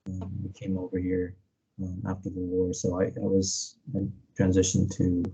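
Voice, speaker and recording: Over dull, lo-fi video-call audio with soft background music, a man gives a reflective interview as a spiritual practitioner, groping for words and frequently asking "right?". He was born in Vietnam and grew up in America from age five. He speaks in a low, dark voice with a completely flat delivery at a moderate pace.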